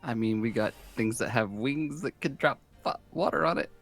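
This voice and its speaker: A man's voice: medium pitch, moderate pace, creaky, fairly bright tone, soft background music. A man chatting casually as a player in a tabletop game. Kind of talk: casual chat.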